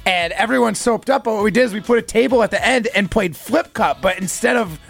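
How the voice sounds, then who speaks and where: A man's voice: high-pitched, a little fast, creaky, a bit bright, faint music behind. A man telling a rambling, laid-back story on a radio show.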